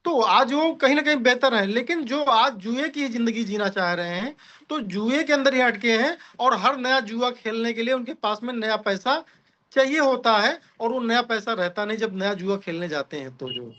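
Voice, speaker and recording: Man, very high voice, bright and sharp, persuasive pitch, video call audio, dull lo-fi sound. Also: normal speed. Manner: persuasive, repeats "ठीक है ना", addresses listeners as साथियों. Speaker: speaker at an online meeting. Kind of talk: motivational crypto pitch.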